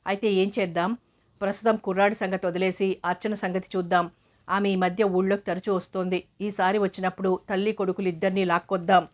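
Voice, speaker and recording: A woman voicing a scheming adult male kidnapper who talks quietly and conspiratorially. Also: medium pitch, little pitch movement, fairly quick, close to an everyday voice.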